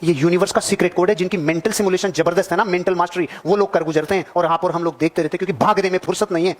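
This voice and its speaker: Male motivational seminar speaker, high voice, rapid emphatic delivery, works the crowd. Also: fairly even intonation. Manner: emphatic, repetitive, addresses audience directly. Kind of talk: seminar speech to a live audience.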